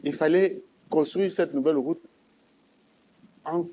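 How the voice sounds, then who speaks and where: A guest with a Congolese accent gives a religious testimony in a soft, mellow voice that sits a little high for a man. He tells it as a story at a measured pace, emphatic and restating points for effect.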